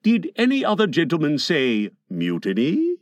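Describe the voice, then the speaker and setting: A man's voice: a little high, sing-song, takes it slowly, fairly bright tone, breathy edge, no room sound, heavily acted. A man voicing a cruel, mock-courteous pirate captain for a storybook, with a silky, steely, purring menace. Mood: coolly threatening. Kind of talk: dramatised storybook reading.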